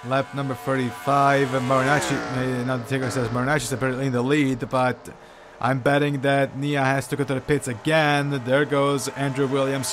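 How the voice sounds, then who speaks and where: Hesitant, excitable male race commentator. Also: mid-range voice, background noise. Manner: hesitant, filler-heavy, unsure of positions; bursts into excitement at incidents. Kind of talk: live sim racing commentary.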